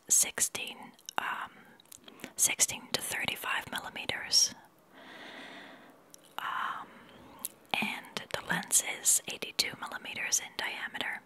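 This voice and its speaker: A young adult woman leaning in close to the microphone, speaking in a soft, breathy whisper as she chats casually to viewers as an ASMR host. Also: slow, poor audio. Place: small attic studio, indoors. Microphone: large microphone close to the mouth.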